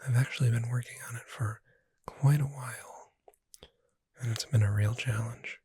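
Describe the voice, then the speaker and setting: A performer voicing a friendly witch bookseller in a soft-spoken ASMR roleplay, gentle, unhurried and lightly wry in a breathy near-whisper. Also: mid-range voice, fairly even intonation, no echo. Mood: gentle, persuasive.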